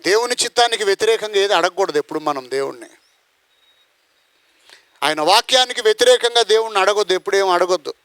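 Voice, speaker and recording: An Indian pastor's high, smooth, slightly bright voice moves at a quick pace with lively intonation and frequent pauses in a dry recording. During his sermon he throws out rhetorical questions, acts out the voices of those he quotes, and bursts into song.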